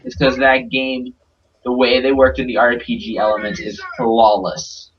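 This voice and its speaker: A man's voice: mid-range voice, fairly even intonation, moderate pace. A young man from Germany co-hosting a gaming podcast, talking eagerly and repeating words as he starts. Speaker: podcast co-host. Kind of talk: casual chat. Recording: distant lo-fi mic with faint hiss.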